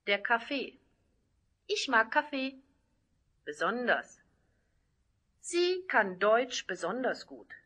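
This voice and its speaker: A woman slowly reading out a German vocabulary list, single words and short example sentences with pauses between them. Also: a little high, sharp tone.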